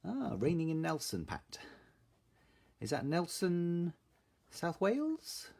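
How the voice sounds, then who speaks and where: A man's voice: a little high, wildly swooping pitch, slow, vocal fry, a little mellow. A man chatting casually and informally as he hosts a craft live stream. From Salisbury, southern England. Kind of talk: casual live stream chat, greeting viewers.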